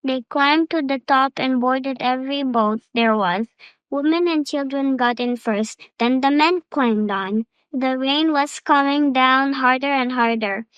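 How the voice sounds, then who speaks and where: A woman reading a children's fable aloud as storyteller, slow and expressive. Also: sits high, smooth, no room sound, highs cut off.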